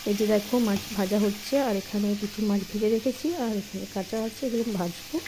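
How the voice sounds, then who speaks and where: A young woman with a hoarse voice from a cold, vlogging casually at home and talking softly, at times sing-song to her baby. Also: medium pitch, steady tone, quick pace, noisy background.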